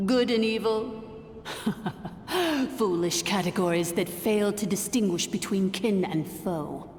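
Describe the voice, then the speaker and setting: An actress playing a haughty, cruel ancient dragon sovereign in a fantasy video game, speaking with imperious, grandiose contempt. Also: female voice, expressive, slow pace, darkish tone. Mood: vengeful, brooding. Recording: long cavernous reverb, rumbling noise behind.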